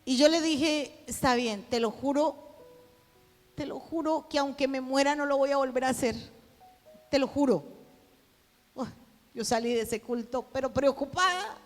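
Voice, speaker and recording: A woman preaching, telling a personal testimony and acting out the dialogue in it, at times rising to a shout. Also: high-pitched, a little slow, pauses often, big-room sound, soft background music. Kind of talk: sermon testimony.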